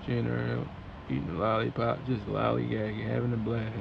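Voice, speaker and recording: A man's voice: mid-range voice, flat delivery, fairly quick, gravelly, muffled recording. A man who drives a truck, talking to his vlog camera from the cab in a laid-back, slangy, chatty way. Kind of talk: casual vlog talk to camera. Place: inside a truck cab at a warehouse. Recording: noisy truck cab ambience.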